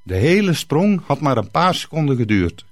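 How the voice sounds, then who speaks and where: A man narrating a first-person story with lively, vivid delivery. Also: mid-range voice, moderate pace, no echo, studio quality.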